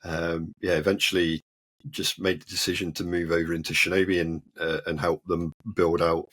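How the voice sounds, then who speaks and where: A man who is the guest in an interview, explaining his work in a relaxed way. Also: low-pitched, normal speed. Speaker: guest, cyber security researcher. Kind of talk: casual interview.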